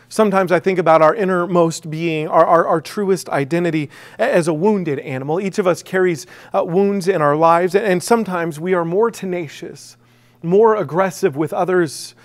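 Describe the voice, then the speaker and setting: High-voiced Midwestern pastor preaching. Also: male voice. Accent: American Midwest. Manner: conversational with frequent fillers and restarts. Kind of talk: sermon.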